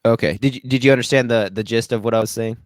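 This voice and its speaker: A man's voice: medium pitch, fairly even intonation, fast talker, dry recording, clean studio sound. An American man hosting a podcast over a video call, rambling and hesitant, his audio sometimes breaking up. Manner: rambling, hesitant, many restarts. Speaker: podcast host.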